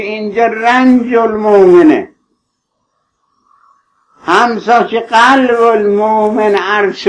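A man's voice: sits high, highs cut off. A man preaching a sermon, impassioned and pleading, tenderly addressing his listeners.

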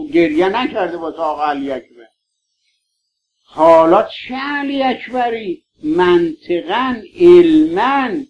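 A man's voice: high-pitched, slight background noise. A man preaching a mourning sermon, pleading with his listeners and calling them by affectionate names. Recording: dull lo-fi recording.

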